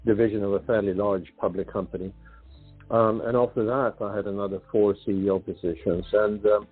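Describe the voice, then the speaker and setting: A middle-aged man from Sweden, a pricing consultant guest on a podcast, speaking hesitantly with many restarts and throat-clearing. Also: lowish voice. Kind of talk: podcast interview. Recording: tinny phone line.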